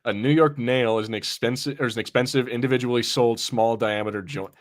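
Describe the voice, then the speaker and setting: A man co-hosts a casual watch party podcast, reading out comments as he rambles, corrects himself and sometimes swears. His voice is medium-pitched with fairly even intonation, and he talks fairly quickly.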